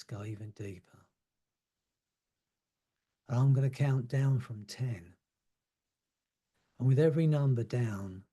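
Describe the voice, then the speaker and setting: Husky, mellow-voiced man guiding hypnosis. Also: mid-range voice. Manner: slow, soothing, drawn-out phrasing with soft trailing words. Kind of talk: guided hypnosis relaxation.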